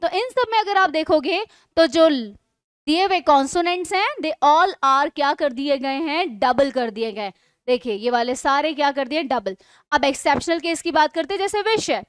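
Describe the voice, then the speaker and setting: A woman teacher explaining English spelling rules in an online class, asking questions and answering them herself, and reading the rules out slowly. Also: high-pitched, no room sound. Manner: explains in Hindi mixed with English, asks and answers own questions.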